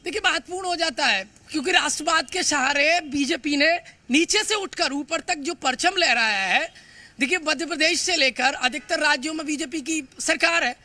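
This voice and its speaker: A man reporting live for the news, emphatic and hurried, often stumbling over words and filling pauses. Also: very high voice, bright, forceful tone, no room sound. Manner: fast, emphatic, with frequent stumbles and fillers. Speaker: field reporter.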